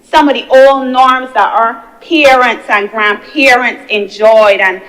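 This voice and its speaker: A woman's voice: on the high side, fairly even intonation, slow, fairly bright tone, poor audio. A young woman giving an earnest parliamentary speech as a senator, building her points through repeated phrases. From Barbados. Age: young adult. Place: senate chamber.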